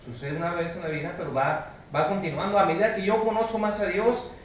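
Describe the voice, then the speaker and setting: A Mexican pastor with a Mexican Spanish accent preaches a sermon in a church sanctuary, swinging from loud, forceful exhortation to low, hushed emphasis while asking the congregation questions. His fairly high voice keeps a steady tone at a slightly fast pace and rings through the very echoey space. He is recorded from a distance, with a faint room hum in the background.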